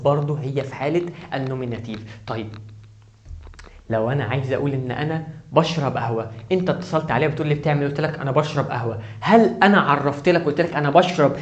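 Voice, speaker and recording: Fast-talking Egyptian man teaching German. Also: mid-range voice, dull audio. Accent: Egyptian Arabic. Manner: urgent, repeatedly asks the viewer to focus. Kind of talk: online language lesson.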